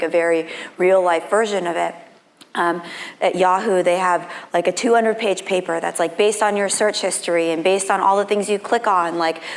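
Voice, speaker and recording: A woman panelist talking conversationally and informally with a thin, reedy, raspy voice that is almost gone and squeaky. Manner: informal, frequent "like". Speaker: panelist, fashion company executive. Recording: long hall reverb.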